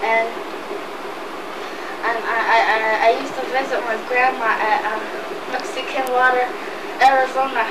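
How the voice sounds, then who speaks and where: High-voiced woman rambling as a fake guest, old vhs tape with loud hiss. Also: fairly even intonation, normal speed, roomy sound, distant mic. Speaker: pretend guest and ad announcer. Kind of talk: playful home video skit.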